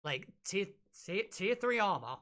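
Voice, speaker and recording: A podcast host chatting excitedly and rambling about a video game, with many restarts. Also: medium pitch, unhurried. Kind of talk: casual gaming podcast chat.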